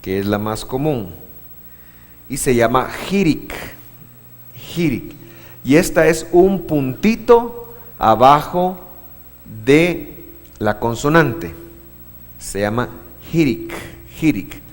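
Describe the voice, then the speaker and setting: A man teaching a church class, patient, asking the room questions, with many halting restarts. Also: medium pitch, big pitch swings. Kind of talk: classroom lesson on Hebrew vowels. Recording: long hall reverb.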